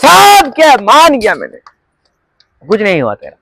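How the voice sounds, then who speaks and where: A man's voice: very high-pitched, wildly swooping pitch, a little slow, vocal fry, background noise. A man leads a network marketing seminar, constantly quizzing his audience and drawing call-and-response answers. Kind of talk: interactive seminar talk. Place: training room with a group audience.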